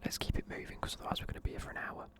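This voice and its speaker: A young man in a casual video, whispering sleepily as he reviews football teams and swears offhandedly. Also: very fast. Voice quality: whispering throughout. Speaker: video creator.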